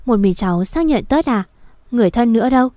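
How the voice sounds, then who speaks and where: A woman's voice: on the high side, expressive, fast, dry recording, clean studio sound, lightly acted. A woman voicing a middle-aged male forensic doctor who speaks bluntly in a storybook reading. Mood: matter-of-fact. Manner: blunt, hushed.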